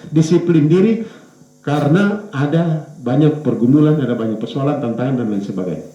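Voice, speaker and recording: A man preaching in a church hall, his fairly high, warm, mellow voice swinging up and down to stress his points. He often stops on fillers and restarts his words. The sound is roomy and echoey, and a little dull, like a lo-fi recording. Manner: hesitant, with fillers and self-corrections; lively rise and fall in pitch for emphasis. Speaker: pastor. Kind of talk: sermon.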